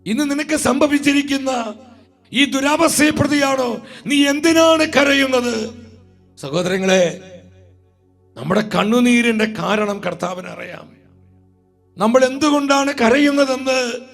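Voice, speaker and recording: A man with a Malayali accent preaching a sermon, slow and drawn out, with emphatic repetitions. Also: very high-pitched, gravelly, faint music behind.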